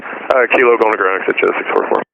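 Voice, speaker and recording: A man's voice: lowish voice, racing, gravelly, narrow, tinny audio. Man reading back over a pilot's radio. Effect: pilot heard over the aircraft radio. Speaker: another pilot on the frequency. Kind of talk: clipped radio readback.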